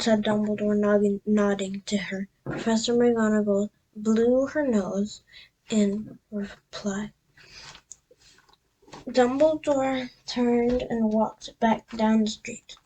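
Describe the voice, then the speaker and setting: Soft half-whispering woman reading aloud. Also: a little high, breathy edge, low-quality recording. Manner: soft, half-whispered, with frequent self-corrections. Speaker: storyteller.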